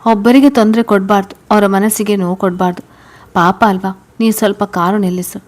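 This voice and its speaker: A bubbly little girl from a spoken storybook, as a woman puts her on, chattering and asking questions. Her voice sits a little higher and louder than the narrator's own, in a lively, curious way. The pitch stays in an ordinary middle range. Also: brisk, close to an everyday voice. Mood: chatty.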